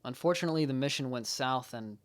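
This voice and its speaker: A man's voice: mid-range voice, quick pace, lightly acted. A man playing a guilt-ridden young male Jedi who speaks earnestly and blames himself. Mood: weary. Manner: earnest, self-blaming, subdued.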